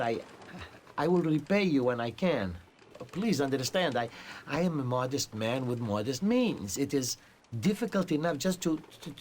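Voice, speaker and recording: An actor playing a blind old beggar who pleads slowly and humbly. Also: male voice, mid-range voice, a little mellow, a little hiss or hum, lightly acted.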